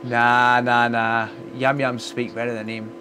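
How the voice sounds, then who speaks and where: A man's voice: mid-range voice, level tone, a little slow. A British man chatting casually as he works, with blunt, sweary, joking banter. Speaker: repairer hosting a live stream. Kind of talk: casual chat while working. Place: indoor electronics repair workbench. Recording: clearly noisy workbench live-stream recording.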